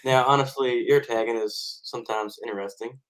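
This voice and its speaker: A man's voice: mid-range voice, steady tone, fairly quick, fairly bright tone, rough recording. A man, a farmer guest on a podcast, explaining and telling stories casually.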